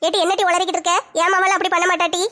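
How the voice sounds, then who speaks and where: Rapid-fire, shrill, bright auntie, bossy and scolding, in a comedy skit. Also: female voice, little pitch movement. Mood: defensive. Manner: brisk, scolding. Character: scolding village neighbour woman, defensive and bossy.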